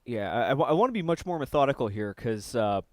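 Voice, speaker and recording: A man's voice: medium pitch, expressive, fast, a little mellow, no room sound. Rambling man chatting on a live stream. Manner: rambling, restarts sentences, talks while working. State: eating while talking. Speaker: streamer building electronics. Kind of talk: casual live-stream chat.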